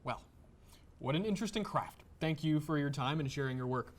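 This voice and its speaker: A man's voice: on the high side, animated, a little fast. A young man playing a straight-faced, formal co-host of an occult comedy talk show. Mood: deadpan. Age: young adult. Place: TV studio set.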